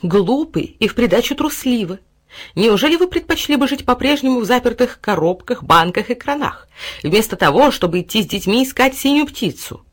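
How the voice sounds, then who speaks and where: A woman's voice: a little high, expressive, normal speed, pitched above the performer's own voice. A woman voicing a stern, commanding old fairy in a storybook reading. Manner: reproachful, commanding.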